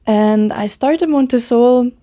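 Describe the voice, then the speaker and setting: A woman in her thirties from Switzerland, chatting in an interview as a founder, eager and quick with lots of casual fillers. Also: a little high, mellow. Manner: fast, enthusiastic, many "like" fillers. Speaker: guest, brand founder.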